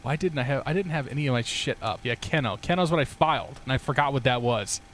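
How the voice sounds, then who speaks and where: A man's voice: mid-range voice, lively intonation, fast, a bit bright, a little hiss or hum. A young man streaming a flight simulator, chatting casually with viewers, laughing and swearing now and then. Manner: laid-back, swears casually, laughs often. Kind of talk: casual livestream chat with viewers.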